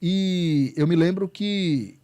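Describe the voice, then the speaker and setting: A man's voice: sits high, slow, mellow. A man, a pastor, telling his testimony as an interview guest, earnest and repeating words for emphasis. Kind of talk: emotional testimony in conversation.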